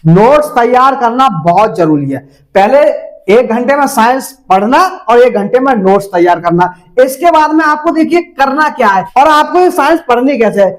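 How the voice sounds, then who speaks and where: A man's voice: very high voice, lively intonation, moderate pace, low-quality recording. A man giving casual exam-preparation advice to viewers, instructive and repetitive, speaking to them directly. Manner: instructive, repeats each step, addresses viewers directly. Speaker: exam-prep adviser.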